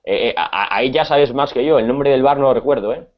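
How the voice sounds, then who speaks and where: A mid-range male voice, recorded with the high frequencies cut off, belongs to a Spaniard teaching conversational Spanish with a Spanish accent. Frequent pauses, fillers, and repeated words mark his delivery.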